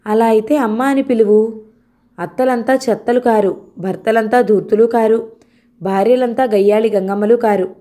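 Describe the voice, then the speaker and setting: A woman's voice: on the high side, normal speed, mellow, natural voice. A woman reading the part of a cheerful, affectionate young husband who is earnest about his mother, in her own voice. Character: young educated husband, cheerful and devoted son.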